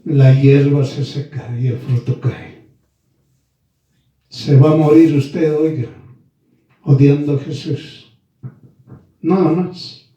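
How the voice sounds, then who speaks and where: A man delivering a sermon in a slow, deliberate way, leaning on repeated phrases. His voice sits a little high but has a dark, mellow tone. He sounds set back from the mic in a strongly echoing room. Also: steady tone. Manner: addresses listeners formally as brother and sister. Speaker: preacher. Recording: very echoey room, voice from far off.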